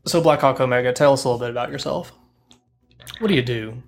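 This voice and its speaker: A man's voice: medium pitch, fast, vocal fry. A man hosting a game stream, chatting with guests in a joking, teasing way. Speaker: stream host. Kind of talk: casual chat while streaming a game.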